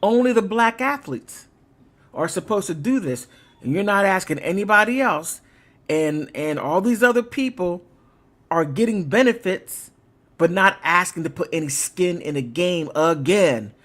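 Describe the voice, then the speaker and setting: Slow easygoing stream host, rambly and emphatic, mid-pitched voice. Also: lively intonation, fairly bright tone. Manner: rambling, emphatic, laughs while talking. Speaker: livestream host. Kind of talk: casual political commentary.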